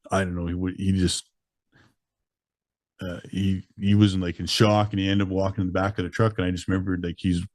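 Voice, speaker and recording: A man's voice: sits low, darkish tone, no room sound, studio quality. Laid-back Canadian man in his thirties. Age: 30s. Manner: laid-back, chuckles through grim details. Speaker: guest. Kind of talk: casual storytelling.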